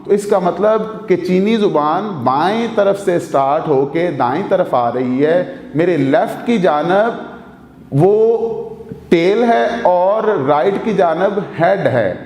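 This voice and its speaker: A man's voice: sits high, expressive, slow, a little mellow. A man teaching a video language lesson, patient and formal, going over each point step by step. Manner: formally addresses viewers. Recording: echoey room with long reverb.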